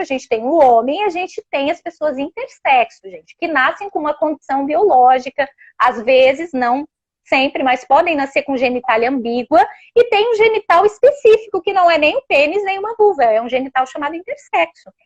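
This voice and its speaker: A woman with a Brazilian Portuguese accent, explaining sex education in a casual, animated way and often checking in with her listener. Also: high voice, dull audio. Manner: animated, explanatory, uses many tag questions. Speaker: sex education guest expert.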